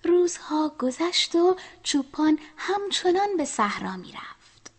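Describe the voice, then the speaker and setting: A woman telling a children's story, speaking to the children and often dropping to a soft whisper. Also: extremely high pitch, sing-song.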